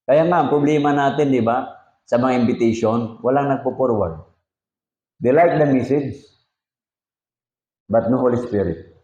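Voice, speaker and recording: A Filipino man in his fifties, a pastor giving a conversational sermon at a prayer meeting, dropping to soft asides and then rising for emphasis. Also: mid-range voice, unhurried, long pauses, lo-fi sound.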